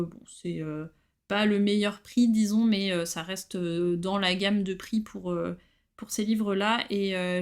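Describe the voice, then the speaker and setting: A woman showing her new books in a casual vlog, chatty and relaxed, with frequent hesitations. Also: mid-range voice. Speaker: book collector vlogger. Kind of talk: casual book haul chat.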